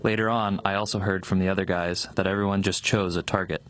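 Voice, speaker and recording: A man's voice run through an electronic disguise, sitting low and deep. He gives a soldier's testimony in a plain, matter-of-fact way, quoting the orders word for word. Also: little pitch movement, fast talker, a bit bright. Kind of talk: recounting events in a recorded testimony clip.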